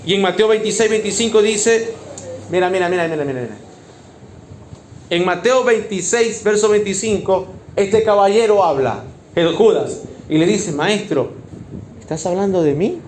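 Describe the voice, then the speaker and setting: High-voiced emphatic man preaching. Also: expressive, moderate pace, echoey room, slight background noise. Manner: emphatic, rhetorical, with joking asides. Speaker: pastor. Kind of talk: sermon.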